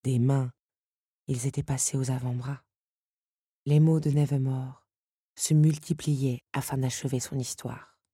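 A woman narrating an audiobook in a measured, even storytelling manner. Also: a bass voice, slightly rough, no room sound, studio quality.

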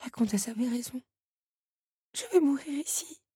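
A woman's voice: high-pitched, normal speed, warm tone, no echo, studio quality, voice pushed up. A woman reading an audiobook and voicing a despairing young woman who pleads and speaks through tears.

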